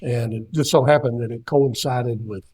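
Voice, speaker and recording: Husky older man telling a rambling story. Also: medium pitch, moderate pace, a little mellow. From Kentucky. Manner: rambling storyteller with many fillers and restarts. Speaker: seminar speaker. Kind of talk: anecdotal talk.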